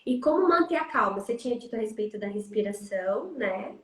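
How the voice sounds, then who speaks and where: A woman's voice: a little high, expressive, a little fast, fairly bright tone, reverberant, rough recording. A Brazilian woman hosting a livestream on a video call, chatting casually and reading out questions from viewers. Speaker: livestream host. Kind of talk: casual chat.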